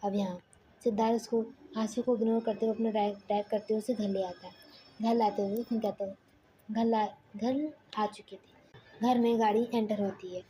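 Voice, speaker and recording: A woman's voice: medium pitch, fairly even intonation, normal speed, warm tone, slight background noise, rough recording. A woman narrating a spoken story casually, often restarting her sentences and sometimes whispering. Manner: loose, self-correcting, partly whispered.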